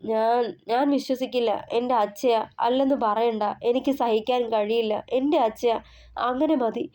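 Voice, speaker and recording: A woman's voice: a little high, steady tone, moderate pace, dark tone, natural voice. A woman voicing a tearful, clinging young woman in an audio story. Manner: tearful, pleading.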